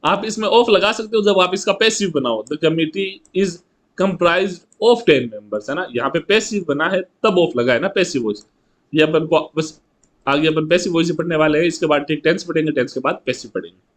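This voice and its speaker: A man teaching an exam-prep grammar lesson, chatty, asking rhetorical questions and reading example sentences slowly. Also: fairly high pitch, expressive.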